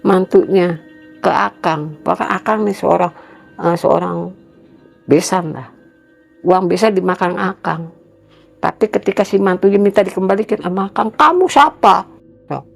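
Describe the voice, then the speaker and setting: A man from Cirebon telling his own experience in a casual interview, earnest and emphatic, often halting and repeating words, his voice jumping up when he gets indignant. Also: high-pitched, steady tone, gravelly, faint music behind. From Cirebon, West Java, Indonesia.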